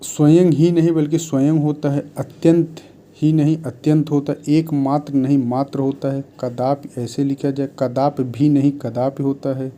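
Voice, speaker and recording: A man teaching Hindi spelling, reading out word lists one by one in a measured dictation style. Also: medium pitch, little pitch movement, dark tone.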